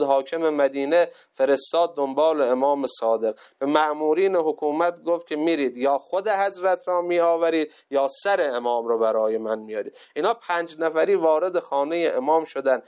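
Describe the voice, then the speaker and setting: A man's voice: fairly high pitch, few pauses, a little mellow, smooth, muffled recording. A man preaching a sermon, telling a religious story and exhorting listeners with rising passion.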